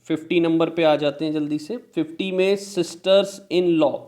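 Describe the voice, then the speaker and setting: Indian guy teaching english grammar, bit high pitched, asks a question then answers it himself. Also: darkish tone. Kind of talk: Hindi-English grammar lesson.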